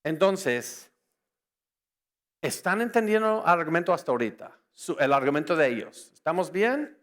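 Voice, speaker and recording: High-voiced man lecturing in a church. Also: normal speed. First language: English. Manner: lively, asks the audience rhetorical questions, jokes. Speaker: conference speaker. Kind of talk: apologetics lecture to a church audience.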